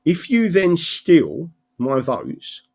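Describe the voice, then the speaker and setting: A man's voice: a little high, wildly swooping pitch, extremely slow, darkish tone, slightly rough. A man talking off the cuff to his viewers as a livestream host, rambling and emphatic, often checking he is followed with a tagged question.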